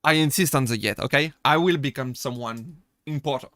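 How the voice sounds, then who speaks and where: Bright-voiced laughing streamer, a man. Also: medium pitch, a little fast, dry recording, studio quality. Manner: laughs often while answering chat; chatty, rambling, self-correcting. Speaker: VTuber streamer. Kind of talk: casual chat stream.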